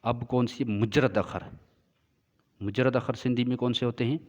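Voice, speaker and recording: A male teacher giving a classroom lecture, explaining slowly and repeating points as he checks that the class follows. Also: medium pitch, fairly even intonation, a little mellow. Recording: dull lo-fi sound with long reverb.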